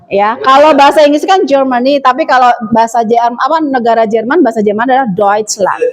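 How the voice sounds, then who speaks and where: A woman teaching German to a class, repeating phrases slowly and clearly for her students. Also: on the high side. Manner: slow, drawn-out repetition of phrases for students. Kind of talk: classroom lesson. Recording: noisy classroom crowd.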